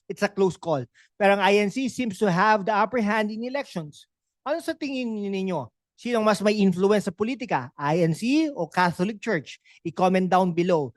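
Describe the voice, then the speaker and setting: In a political commentary vlog, a host with a Filipino accent speaks in a medium-pitched, expressive voice at a moderate pace. The delivery is conversational and sarcastic, packed with rhetorical questions and frequent tag questions. The sound is dry and clean, like a studio.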